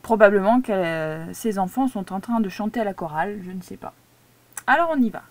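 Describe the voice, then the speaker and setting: A woman's voice: mid-range voice, animated, fairly quick. A woman teacher giving a dictation lesson to a child, patiently spelling words out syllable by syllable. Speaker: primary school teacher.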